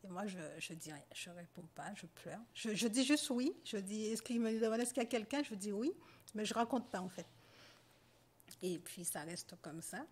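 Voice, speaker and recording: A woman guest on a podcast giving a personal account, talking softly and haltingly with many pauses and fillers. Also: medium pitch, animated, slightly rough. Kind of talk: personal testimony in conversation.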